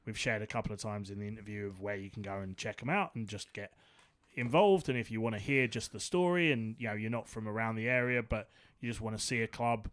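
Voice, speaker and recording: A man's voice: on the low side, fairly even intonation, fast talker, a bit bright, dry recording. A man co-hosting a podcast, interviewing a guest in an encouraging, affirming way. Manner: encouraging, affirming, lots of "yeah". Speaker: podcast co-host.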